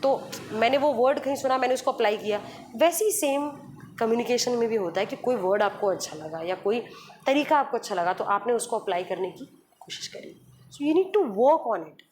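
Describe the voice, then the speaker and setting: A woman's voice: a little high, animated, normal speed, a little mellow, a little hiss or hum. A woman radio jockey being interviewed, explaining patiently with examples and slipping in English phrases. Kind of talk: podcast interview conversation.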